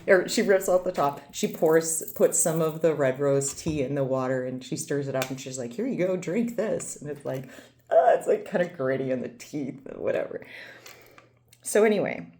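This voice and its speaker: A woman's voice: deep voice, moderate pace, warm tone. A woman in her forties telling a personal story in a meandering, chatty way, often correcting herself. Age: 40s. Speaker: vlogger. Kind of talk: casual storytelling.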